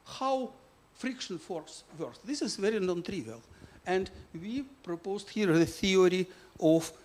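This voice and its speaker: A man from Ukraine, presenting his physics book in halting full of "uh" fillers. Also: high voice. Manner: halting non-native English with many "uh" fillers.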